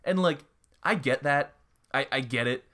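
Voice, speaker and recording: A man's voice: medium pitch, unhurried, bright, forceful tone. Rambling young man chatting on a podcast. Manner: rambling, lots of restarts and filler. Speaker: podcast co-host. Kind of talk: casual chat.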